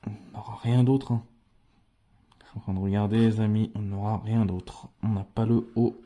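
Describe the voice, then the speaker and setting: A man's voice: on the low side, steady tone, normal speed, dark tone. A man hosting a scratch-card video, chatting casually to his viewers as friends and spelling out letters one by one as he scratches. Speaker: scratch-card channel host. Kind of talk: casual vlog commentary while scratching tickets.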